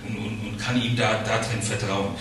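A man teaches from the Bible in a relaxed, conversational way, stumbling over repeated words and checking in with his listeners. His voice is bright and forward. He sounds set back from the microphone in a strongly echoing room, with a faint hiss of noise behind him. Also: on the low side, normal speed. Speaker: preacher leading a Bible study. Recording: very echoey room, distant mic, faint noise.

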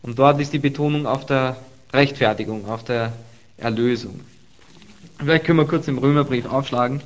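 A man's voice: medium pitch, moderate pace. A man preaching a sermon and reading Bible verses aloud, earnest, stressing and repeating key words. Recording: slightly dull lo-fi recording.

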